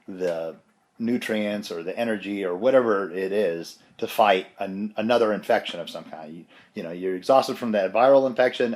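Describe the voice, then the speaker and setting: A man with a fairly low voice talks while sick with bronchitis and a chesty cough. He sounds like a casual vlogger giving a personal update. His delivery rambles and is self-deprecating. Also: darkish tone.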